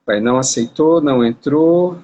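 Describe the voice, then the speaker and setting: A man from Brazil hosts a relaxed live stream, chatting loosely and restarting his sentences. He talks into a phone at a mid pitch. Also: moderate pace, muffled recording. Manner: chatty, repeats words and restarts. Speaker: interviewer hosting a live stream. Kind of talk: casual live-stream chat. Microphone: phone on a live video stream.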